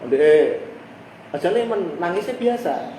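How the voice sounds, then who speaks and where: A man with a Javanese accent leads a religious text study in a somewhat high voice, reciting Arabic lines and then explaining them in lively local speech. He sounds far from the mic in a roomy, echoing space with steady background noise. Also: a little slow. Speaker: religious teacher. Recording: echoey room, heard from a distance with background noise.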